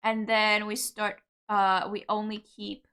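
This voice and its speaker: This young host from Cyprus talks slowly and in a monotone, yet her mid-range voice sounds pushed and bright, clear and resonant. Reacting to songs in a casual video, she gushes enthusiastically, using lots of fillers and loving remarks.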